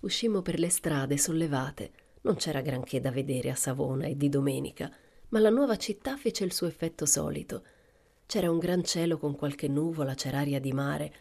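Woman narrator, audiobook, gravelly voice, mellow tone, calm measured reading. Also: sits low. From Italy. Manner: calm, measured reading with soft whispered asides. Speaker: audiobook reader.

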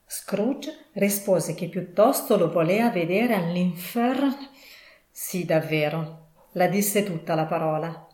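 Woman narrator, audiobook, steady literary reading, lowish voice, echoey room. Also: slow. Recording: roomy echo.

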